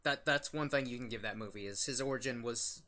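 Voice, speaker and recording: A man's voice: medium pitch, a little fast, sharp tone. A young man hosting a casual review chat, rambling with lots of fillers and restarts. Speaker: YouTube channel host.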